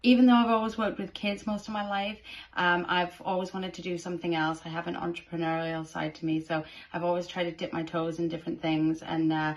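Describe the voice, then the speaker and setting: A woman's voice: lowish voice, flat delivery, brisk, highs cut off. A woman from the United Kingdom, a former preschool teacher, chatting casually with fillers in a personal testimonial. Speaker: preschool teacher turned business owner.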